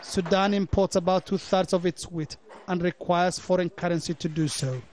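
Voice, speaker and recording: A man reporting a broadcast news story in a measured, formal manner, from an archive news clip. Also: sits high, steady tone, a little mellow, a little hiss or hum.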